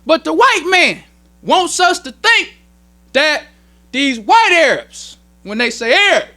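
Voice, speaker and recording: An American minister preaches at a temple meeting, explaining teachings in plain colloquial speech and hammering points home through repetition. His voice is very high-pitched, piercing, bright and pushed, with a slow, sing-song emphasis.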